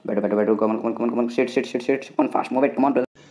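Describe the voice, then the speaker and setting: Indian man, gaming host, rapid excited play-by-play, dark low voice. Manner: excitable, chatty, talks to the game and viewers. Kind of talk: casual game commentary.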